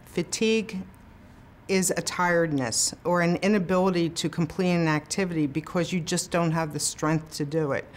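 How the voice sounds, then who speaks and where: A woman health professional giving clear, instructive explanations in an interview. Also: lowish voice, fairly even intonation, moderate pace, slight background noise.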